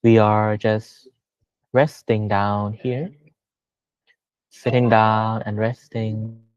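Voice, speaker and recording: Leading a guided meditation, a male teacher speaks gently and slowly with long pauses, his lowish voice clean-toned and flat in delivery. No echo is present, but the audio is dull.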